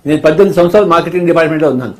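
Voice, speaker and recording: A man's voice: a little high, racing, darkish tone. An older man, chatting playfully as a spiritual teacher and acting out the lines he quotes with a teasing manner. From India. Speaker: spiritual teacher being interviewed. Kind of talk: casual chat.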